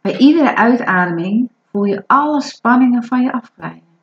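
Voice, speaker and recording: A woman guiding a breathing meditation in a calm, soothing, instructive way. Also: fairly high pitch, moderate pace. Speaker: meditation guide. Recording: dull lo-fi recording.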